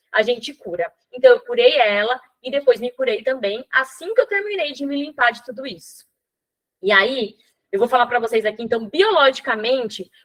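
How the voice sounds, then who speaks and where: A woman's voice: a little high, a bit bright, low-quality recording. Chatty woman teaching mothers. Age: adult with a child. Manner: chatty, many fillers like "né" and "tá"; acts out dialogue in her storytelling. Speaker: course host teaching mothers. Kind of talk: casual spoken lesson with personal story.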